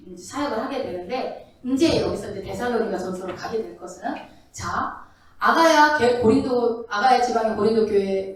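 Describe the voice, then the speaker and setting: A woman pastor delivers a lively sermon in a church sanctuary. Her voice sits a little high. It carries a heavy, booming echo and sounds picked up from some distance away. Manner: lively storytelling preaching, acts out voices of biblical figures. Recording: echoey church hall, mic at a distance.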